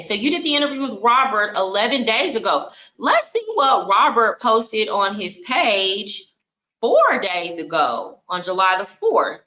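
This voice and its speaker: Blunt bright-voiced woman streamer. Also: a little high, echoey room, rough recording. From United States. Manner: blunt, scolding, talks over clips. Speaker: streamer reacting to clips. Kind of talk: casual livestream commentary.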